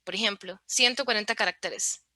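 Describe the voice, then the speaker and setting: Bright-voiced woman explaining accessibility. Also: mid-range voice, a little fast. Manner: clear, didactic, explains with examples. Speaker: podcast guest on accessibility. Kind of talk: explanatory interview talk.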